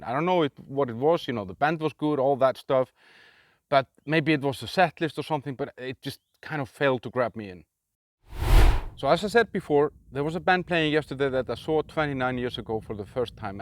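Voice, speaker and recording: A man's voice: mid-range voice, no echo, clean studio sound. Icelandic man reviewing a metal festival. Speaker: metal channel host.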